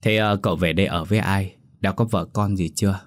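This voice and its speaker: A man's voice: low-pitched, steady tone, brisk, natural voice. A man voicing a stern middle-aged woman who leads a village, probing and commanding.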